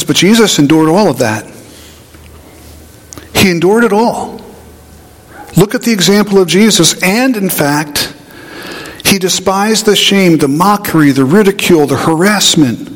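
A man preaching a sermon, an animated storyteller who acts out voices in his anecdotes. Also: sits high, a little slow, long pauses. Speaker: pastor. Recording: hall reverb.

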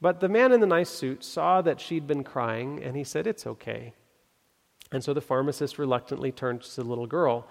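A man preaching a sermon, reading scripture and telling a story in an earnest, building way with pauses for emphasis. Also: mid-range voice, gravelly. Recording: long hall reverb.

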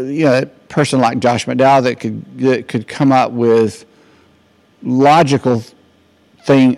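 An older man preaches in a loose, storytelling way. He often restarts his sentences, and his voice has a gravelly, creaky edge. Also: medium pitch, darkish tone. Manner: rambling, anecdotal, many restarts. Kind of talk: informal sermon.

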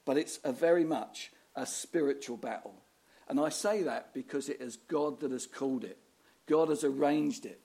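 A man's voice: mid-range voice, moderate pace, warm tone. A man preaching a sermon, telling the story with rhetorical questions and dramatic readings of scripture.

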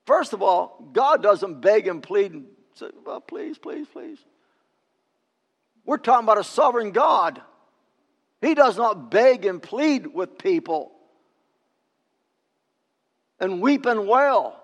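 High-voiced preacher in a reverberant hall. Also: male voice, expressive, takes it slowly, pauses often. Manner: emphatic preaching, swinging from loud to hushed. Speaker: pastor. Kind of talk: sermon.

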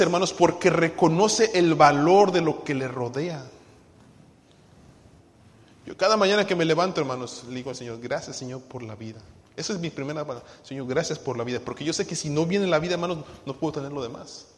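A man's voice: a little high, brisk. Male pastor preaching with a raised voice, asks the congregation questions and sings a few hymn lines, echoey church hall. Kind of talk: sermon.

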